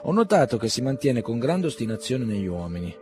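A man voicing a blunt, scornful young man with a mocking, cutting way of talking, raised and louder than his reading voice. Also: medium pitch, sing-song, brisk, faint music behind, close to an everyday voice.

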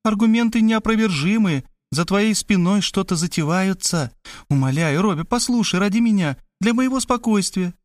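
A man's voice: high-pitched, animated, normal speed, no room sound, clean studio sound, voice pushed up. A man reading an audiobook, voicing a tearful young woman pleading with her brother.

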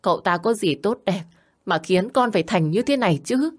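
A woman's voice: medium pitch, expressive, moderate pace, lightly acted. A woman voicing a stern middle-aged mother who scolds and pleads with her daughter. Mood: scolding.

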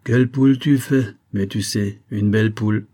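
A man's voice: lowish voice, steady tone, moderate pace, dark tone, natural voice. Man voicing a mocking, cruel militia quartermaster. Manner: taunting, commanding.

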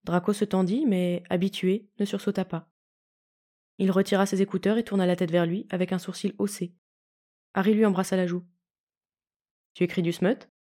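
A woman reading a fanfiction story aloud in calm, even audiobook narration. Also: medium pitch, fairly quick. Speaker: fanfiction reader.

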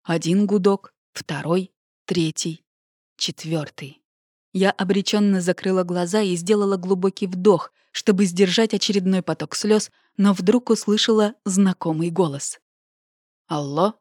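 A woman narrating a first-person audiobook with an expressive, emotional reading. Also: medium pitch, a little slow, no room sound, studio quality.

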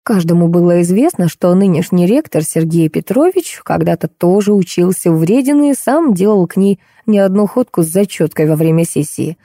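A woman narrating a detective novel audiobook in an even, measured way. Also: on the low side, no echo, studio quality. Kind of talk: scripted narration.

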